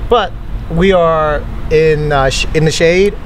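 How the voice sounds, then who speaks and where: A man with a fairly high voice banters casually as a podcast co-host, joking and a little crude. He talks outdoors over faint traffic noise. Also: slow, poor audio. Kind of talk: casual chat. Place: outdoors in an urban spot with traffic.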